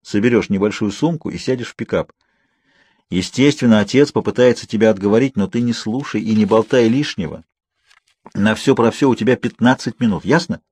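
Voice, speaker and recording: Brief: male reader as a stern young man giving orders, low husky voice. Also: brisk, darkish tone, dry recording. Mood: commanding. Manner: clipped, commanding. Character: young man, commanding and tense. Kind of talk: audiobook character reading.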